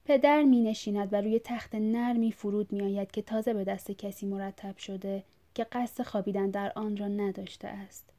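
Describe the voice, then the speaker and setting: A woman narrating a story aloud in a measured, even way. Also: medium pitch. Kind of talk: audiobook reading.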